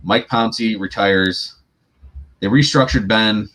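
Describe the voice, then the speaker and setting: A man co-hosting a sports podcast, chatting casually and giving opinionated, animated takes. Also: fairly low pitch, slow. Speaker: podcast co-host.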